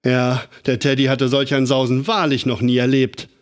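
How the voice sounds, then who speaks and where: A man reading a children's story aloud with an expressive, dramatic delivery. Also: mid-range voice, normal speed, clear, resonant tone. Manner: animated, dramatic build-ups.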